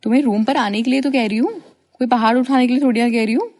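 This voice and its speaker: A woman voicing a proud, touchy young college woman who speaks in a snappy, sharp-tongued way. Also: fairly high pitch, fairly even intonation, fast talker, lightly acted.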